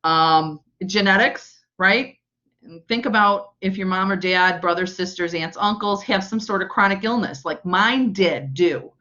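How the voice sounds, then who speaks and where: A woman's voice: medium pitch, unhurried, bright, forceful tone. Woman teaching nutrition class online, chatty, lots of ums, kinda muffled audio. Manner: conversational, filler-heavy teaching. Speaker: college nutrition instructor. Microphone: video call mic. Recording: muffled lo-fi video call audio.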